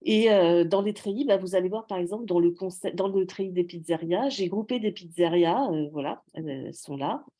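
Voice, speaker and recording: A woman's voice: fairly low pitch, a little fast, mellow. A woman researcher giving an academic presentation, explaining patiently with frequent fillers and self-corrections.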